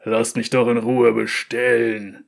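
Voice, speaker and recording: A man voicing a huge, scarred, brawny brewer who rumbles gruff and blunt. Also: fairly even intonation, takes it slowly, lightly acted.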